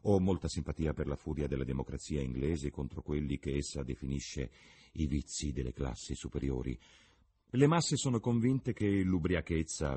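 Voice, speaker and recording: A man's voice: sits low, mellow, husky. A man reading the part of a witty, cynical young English lord, with a languid, ironic delivery.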